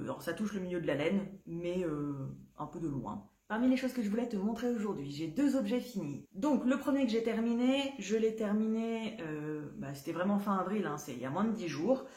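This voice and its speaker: A woman's voice: mid-range voice, lively intonation, fairly quick, hardly any pauses, warm tone. A woman hosting a knitting podcast, talking casually to the viewer with many fillers and small laughs. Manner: chatty, many fillers and restarts, laughs easily. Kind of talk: casual chat to camera. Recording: roomy echo.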